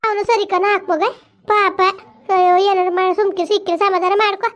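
A woman's voice: extremely high pitch, level tone, fairly quick, a bit bright. A woman playing a middle-aged village aunty who soothes and advises a young wife in a comedy skit. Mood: consoling. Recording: dull lo-fi sound.

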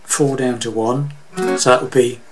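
In a small room, a guitar teacher gives a chatty, casual lesson on chords, often asking "okay?" and singing bits over his own acoustic strumming. His medium-pitched voice is fairly even and measured, though the audio quality is poor.

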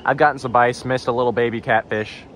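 A young man casually narrating a fishing trip outdoors by a dam, laid-back and excitable when fish bite. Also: medium pitch, quick pace, a little hiss or hum. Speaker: fishing vlogger.

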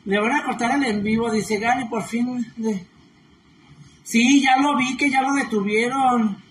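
A woman's voice: a little high, fairly even intonation, a little slow. A woman hosting a casual livestream, reading viewer comments and chatting with a laugh in her voice. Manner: chatty, laughing often, gossipy. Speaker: livestream host. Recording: echoey room with faint noise.

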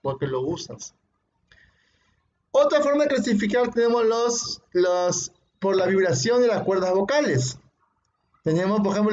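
A man teaching a phonetics class, who explains patiently, demonstrates each sound by repeating it slowly, checks in with students after each phrase and praises them by name. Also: high-pitched, a little mellow. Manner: addresses and praises students directly. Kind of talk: classroom lecture. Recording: muffled lo-fi recording with faint noise and clicks.

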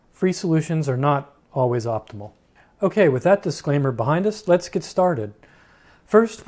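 Frank man explaining software steps. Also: mid-range voice. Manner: frank, dryly humorous, explanatory. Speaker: tutorial host. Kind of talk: screen-recorded software tutorial.

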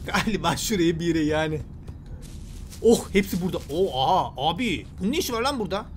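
A man's voice: fairly high pitch, lively intonation, fairly quick, slight background noise. A man giving exasperated gameplay commentary, talking to himself and his viewers as a gaming YouTuber.

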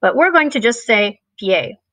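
A woman teaching a bilingual music lesson to young children, switching between English and Spanish and speaking slowly and clearly. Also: fairly high pitch, big pitch swings, sharp tone, no room sound. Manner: sings and chants rhythm words.

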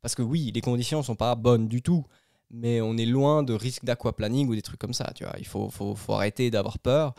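A man's voice: medium pitch, brisk, creaky, warm tone, no room sound, studio quality. A man with a Swiss French accent hosting a casual solo podcast, rambling and chatty with many restarts. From Switzerland. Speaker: podcast host.

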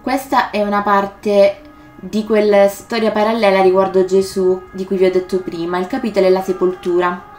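Woman reading aloud and chatting about a book, hesitant, middle pitch, roomy echo. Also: flat delivery, moderate pace, a little mellow, soft background music. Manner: hesitant, with fillers and self-corrections. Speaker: book vlogger. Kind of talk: reading aloud with casual commentary. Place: room indoors.

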